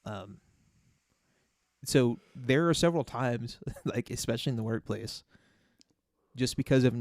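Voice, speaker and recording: Male podcast co-host, mid-pitched, earnest casual talker, dry close mic. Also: a little slow, a little mellow, dry recording. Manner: earnest, careful explaining with frequent fillers.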